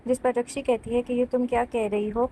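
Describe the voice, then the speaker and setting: A woman giving a scripted, steady retelling of a drama episode as a recap narrator. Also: a little high, slight background noise, poor audio. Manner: even, steady retelling of scenes.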